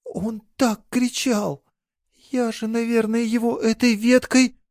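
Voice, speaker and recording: A man reading a storybook voices a distraught young peasant girl who pleads in a high, strained voice. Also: animated, measured pace, darkish tone, dry recording, clean studio sound. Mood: desperate pleading.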